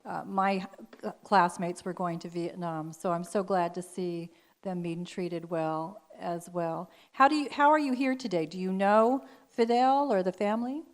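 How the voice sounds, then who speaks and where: A woman's voice: on the low side, a little slow. Female show host conducting an interview, earnest and appreciative.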